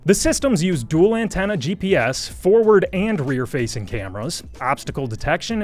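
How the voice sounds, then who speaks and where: A man hosting a scripted news commentary show, explaining a legal story in a wry, joking manner with sponsor plugs. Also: a little high. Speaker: host.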